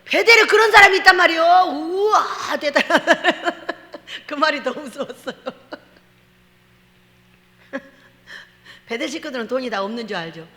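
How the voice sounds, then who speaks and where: Lady pastor giving a sermon, chatty and laughing, bright sharp voice, echoey church. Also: sits high, normal speed, long pauses. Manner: lively, laughing storytelling with acted-out quotes. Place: church sanctuary. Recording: long hall reverb.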